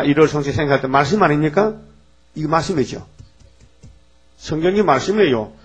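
A man's voice: on the high side, husky. A man preaching a sermon in a blunt, folksy way, firing rhetorical questions at the congregation. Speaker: pastor.

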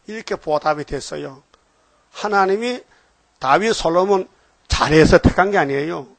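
A man's voice: fairly high pitch, moderate pace, creaky, no echo. An older man preaching a sermon, emphatic and constantly prompting the congregation for a response. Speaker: pastor.

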